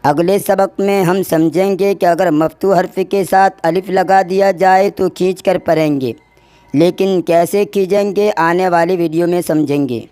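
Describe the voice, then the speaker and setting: A male language teacher records a lesson, sounding out each letter slowly and deliberately. His voice is dark and mellow, and the recording is close and dry with no room sound. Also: high voice, steady tone, smooth, no room sound, faint music behind. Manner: slow, deliberate letter-by-letter drilling.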